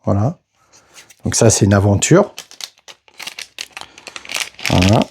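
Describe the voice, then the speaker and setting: Slow, gravelly-voiced man unboxing a game. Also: lowish voice, sing-song, a little mellow. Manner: slow, hesitant, narrates each step with "voilà" and "hop". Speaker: board game unboxing host. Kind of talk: casual unboxing commentary.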